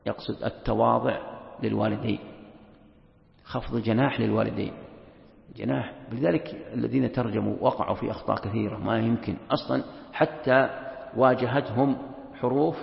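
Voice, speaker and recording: A man's voice: mid-range voice, creaky. A man, a sheikh teaching Quran commentary in a lecture, emphatic, repeating key phrases and asking rhetorical questions. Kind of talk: classroom lecture. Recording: echoey hall, dull lo-fi sound.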